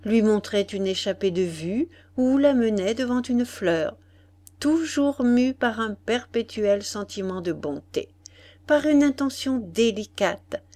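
A woman reading a classic novel aloud in a measured, expressive way. Her pace is slow and deliberate, her pitch in the middle range. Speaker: audiobook narrator. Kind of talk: literary audiobook narration.

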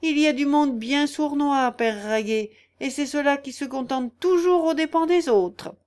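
A woman's voice: high voice, moderate pace, a little mellow, voice pushed up, lightly acted. A woman reading aloud, voicing a spiteful old peasant shrew with a sly, accusing manner.

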